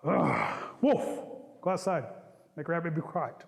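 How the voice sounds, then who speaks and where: A commanding eagle who rules the animals' meeting, as a man telling the story puts him on. Stern and lively in pitch, heard in a hall with long reverb. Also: slow pace, vocal fry, exaggerated voice.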